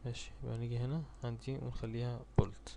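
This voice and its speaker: A man with an Egyptian Arabic accent teaching a screen-recorded software tutorial. He reads each step aloud in English, then thinks it through aloud in Arabic. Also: medium pitch, little pitch movement, fast, vocal fry, noisy background. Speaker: software instructor.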